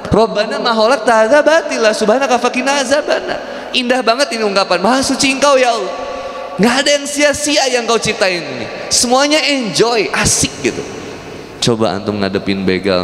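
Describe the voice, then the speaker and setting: A man's voice: high voice, a bit bright. A male preacher giving a humorous sermon, joking with the congregation and acting out little dialogues. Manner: jokey, addresses audience as Pak, acts out quotes. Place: mosque hall. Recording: echoey mosque hall, faint ambience.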